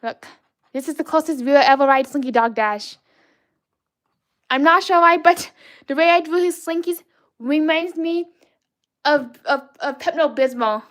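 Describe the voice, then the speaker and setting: A woman's voice: high-pitched, a little slow, pauses often. A woman hosting a live drawing stream, talking in a playful, childlike way, greeting viewers, and often restarting her sentences. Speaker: livestream artist host. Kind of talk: casual livestream chat while drawing.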